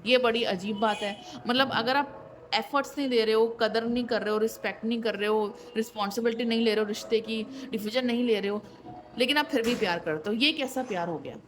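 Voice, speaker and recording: Tarot reader, woman, higher voice, conversational and direct, repeats for emphasis. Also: brisk. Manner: direct and conversational, often checks in with "ठीक है"; repeats points for emphasis, with wry disbelief. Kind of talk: tarot reading addressed straight to the viewer.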